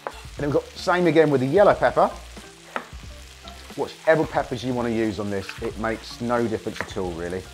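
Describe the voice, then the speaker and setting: Hoarse man demonstrating a recipe. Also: mid-range voice, brisk. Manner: chatty and enthusiastic, talking to viewers while cooking. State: hoarse from a cold. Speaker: cooking show host. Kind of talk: casual cooking demonstration.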